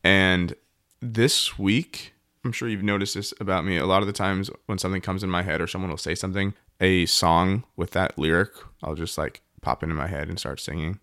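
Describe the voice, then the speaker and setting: A man's voice: low-pitched, steady tone, normal speed, fairly bright tone, no room sound, studio quality. A man co-hosting a podcast, chatting casually in a chatty, self-deprecating way. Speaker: podcast co-host. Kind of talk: casual chat.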